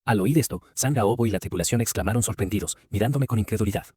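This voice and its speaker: A man narrates a story recap at a rapid clip in a low, husky voice. The recording is dry and close, with no room sound, and his read stays brisk and even from line to line. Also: dry recording.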